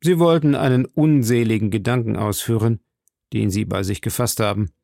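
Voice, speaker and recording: A man's voice: on the low side, normal speed, vocal fry, darkish tone, no echo, clean studio sound. A man reading a stern dutiful young officer. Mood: firm. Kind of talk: audiobook character reading.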